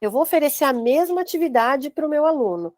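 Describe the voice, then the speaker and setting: Sitting high with a darkish tone, this Brazilian woman's expressive voice moves a little fast as she explains her online teacher course step by step on a video call. She has a Brazilian Portuguese accent and uses "né?" constantly; the audio is echo-free and studio quality.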